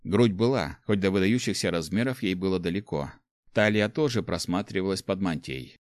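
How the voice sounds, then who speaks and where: A man narrating a fantasy story in a lively, expressive reading. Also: low voice, normal speed, dry recording. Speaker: audiobook narrator.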